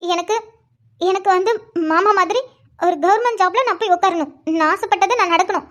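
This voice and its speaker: A tearful younger sister from a cartoon. Her voice is very high-pitched, and she pleads as she talks. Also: brisk, a bit bright. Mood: pleading. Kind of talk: cartoon voice acting.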